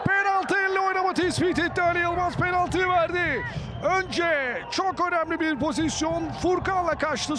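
A man giving football match commentary in short, clipped phrases, announcing the play. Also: extremely high pitch. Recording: loud outdoor stadium noise behind voice. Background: stadium ambience.

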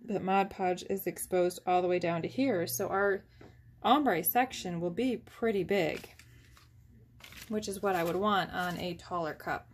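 Woman, 30s, lower-pitched, chatty and self-deprecating, craft tutorial at home, faint clicks behind. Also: measured pace, a little hiss or hum. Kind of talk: casual step-by-step craft demonstration.

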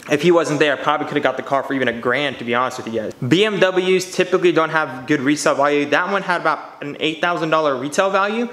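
Speaking fast with hardly any pauses, this car channel vlogger in his 20s has a fairly high, somewhat bright voice. He addresses viewers as "you guys" in earnest, slangy, casual talk to camera from his home garage. His camera mic records the room's echo.

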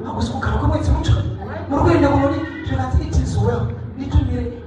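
A Zimbabwean woman evangelist delivers a forceful sermon into a pulpit microphone, her voice high and her words rapid. She sounds distant from the mic in a big echoing church hall, with loud music playing under her. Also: dull audio. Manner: forceful preaching, switching between Shona and English.

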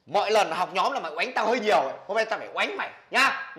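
A man playing a bossy young man who loudly coaches a friend in a comedy skit. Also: high-pitched, fast talker, full character voice. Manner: loud, bossy, animated scolding.

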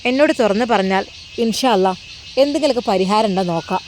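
A woman's voice: medium pitch, quick pace, slight background noise, natural voice. A woman voicing a young woman friend who coaxes and presses insistently. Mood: coaxing. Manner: coaxing and insistent.

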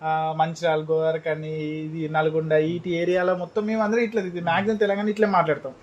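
Fast-talking young Telangana man, high voice. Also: dull audio. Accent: Telangana Telugu. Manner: teasing, animated, quick-talking. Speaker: vlogger. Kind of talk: casual debate.

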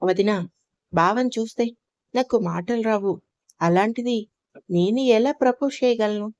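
A shy, innocent young woman in love from an audio storybook, voiced by a woman narrator, timid and naive, with pleading questions. Her tone is dark and mellow and the sound is dry and close. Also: mid-range voice, unhurried, dry recording, lightly acted.

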